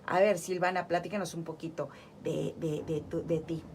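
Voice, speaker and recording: Woman hosting radio talk, lowish voice. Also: steady tone, moderate pace, a little mellow, slight background noise. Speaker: radio host.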